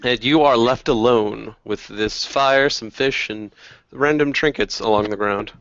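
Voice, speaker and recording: A young man narrates a tabletop game as game master, casual and unhurried with plenty of fillers. The sound is muffled and close, with no room echo. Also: mid-range voice, a bit bright. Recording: dull dry lo-fi recording.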